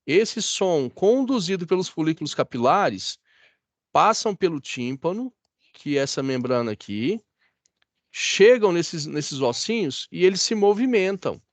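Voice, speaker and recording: Man, Brazilian accent, teacher, classroom lecture, chatty, fairly high voice, dry sound. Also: big pitch swings, measured pace, no room sound. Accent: Brazilian Portuguese. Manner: chatty, asks the class for agreement.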